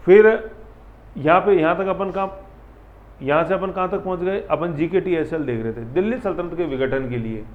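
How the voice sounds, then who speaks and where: A man teaches a history lesson with a fairly high, lively voice. He keeps asking rhetorical questions and acts out little scenes as he goes. The audio is slightly muffled and lo-fi. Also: moderate pace. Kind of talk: classroom lecture.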